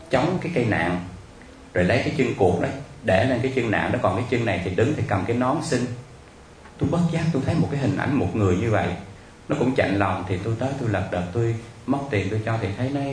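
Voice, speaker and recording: A man, a monk telling a story in a lively, emphatic sermon. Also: on the low side, slight background noise. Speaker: Buddhist monk. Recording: echoey hall recording.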